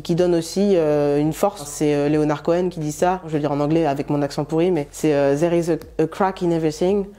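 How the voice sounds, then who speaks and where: A young woman from France giving a candid personal testimony in an interview, speaking reflectively and hesitantly with frequent pauses and fillers. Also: deep voice, mellow. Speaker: musician interviewee.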